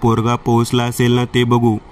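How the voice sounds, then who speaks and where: A man's voice: mid-range voice, monotone, moderate pace, darkish tone, far from the mic, a little hiss or hum, lightly acted. A man voicing an anxious village father who worries aloud and talks to himself. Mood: worried.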